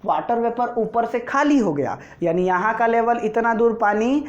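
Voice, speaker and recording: A male teacher with an Indian accent, giving a slow board lesson to school students and checking often that they follow. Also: very high voice, lively intonation, highs cut off. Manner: explains slowly, drawing as he speaks, keeps checking understanding.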